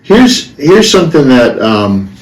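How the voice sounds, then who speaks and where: A middle-aged man hosting a casual podcast, talking bluntly and haltingly, with half his face numb. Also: medium pitch, big pitch swings. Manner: halting, hesitant, blunt and profane. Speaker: podcast host. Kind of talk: casual solo podcast talk, personal storytelling. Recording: roomy, distant mic with faint noise.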